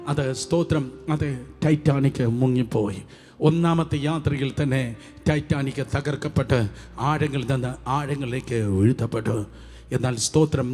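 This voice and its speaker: High-voiced man preaching a repetitive sermon. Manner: repetitive, rising to loud declarations then dropping low.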